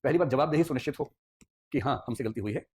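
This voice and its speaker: A man's voice: mid-range voice, fast talker, darkish tone, slightly rough. A man teaching an ethics class, telling a story with playful asides in a classroom lecture.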